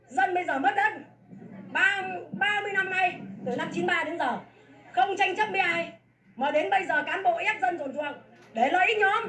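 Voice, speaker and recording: A farmer from Vietnam, a woman with a very high-pitched, fairly bright voice, angrily complains in public about her land being seized. She scolds fiercely and repeats herself, and the sound is echoey, taken from a distance off the mic.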